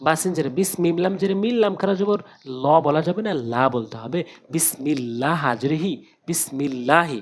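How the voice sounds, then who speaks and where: A fairly high-voiced man teaches Quran recitation. He takes each Arabic word apart slowly, syllable by syllable, then says it whole, in a patient teaching voice. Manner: drills syllables slowly, letter by letter, then repeats whole words. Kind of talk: spoken tutorial with slow spelled-out recitation.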